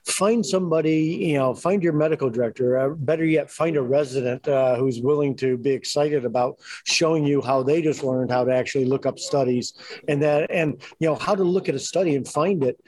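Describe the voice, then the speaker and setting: A man's voice: a little high, fairly quick, darkish tone, no room sound, low-quality recording. A man speaking in a casual panel discussion, thinking aloud with lots of "you know" and "I mean". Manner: thoughtful, many fillers like "you know".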